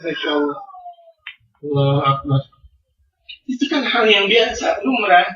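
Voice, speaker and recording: A man preaching a sermon, animated and teasing, swinging between loud and soft. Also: high-pitched, unhurried. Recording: echoey hall, distant mic, dull sound.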